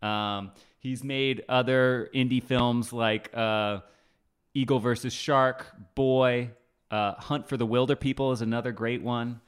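A man co-hosting a podcast, chatting casually about a movie trailer, halting and repeating himself, quick to laugh. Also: mid-range voice, fairly even intonation, clean tone. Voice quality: halting, lots of fillers and restarts, laughs easily. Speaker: podcast co-host. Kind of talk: casual movie-review chat.

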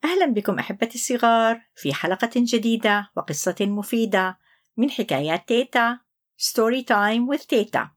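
An older woman, a grandmotherly storyteller, reading a picture book aloud to small children in an expressive way. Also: fairly high pitch, normal speed. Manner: warm, expressive, sing-song.

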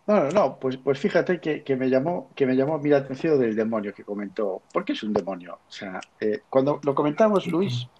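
A man's voice: mid-range voice, expressive, brisk, few pauses, darkish tone, muffled recording, slight background noise. A man joining a casual online chat as a guest, talking hesitantly with many fillers over a video call. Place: Ourense.

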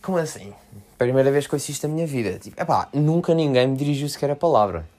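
A man's voice: medium pitch, lively intonation, rapid-fire, a little mellow. A young man from Portugal, rambling casually and jokingly on his solo podcast, full of slang and fillers. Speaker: podcast host.

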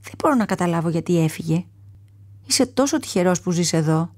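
A woman's voice: lowish voice, lively intonation, no room sound, clean studio sound. A woman doing a weary caged lion. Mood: friendly. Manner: tired, sorrowful, gentle. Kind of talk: storybook character voice.

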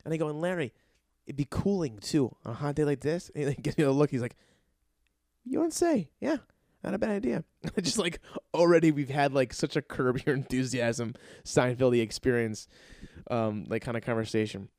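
Young man, casual storytelling, excitable and profane, dry close sound. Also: mid-range voice, brisk, no echo. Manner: excitable, profane, acts out quotes in other voices. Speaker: golf caddy telling a story.

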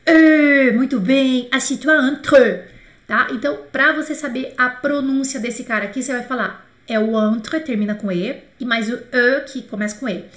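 A woman with a Brazilian Portuguese accent teaching a live online French lesson, chatty and lively, slowly repeating phrases for students to drill. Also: sits high, echoey room.

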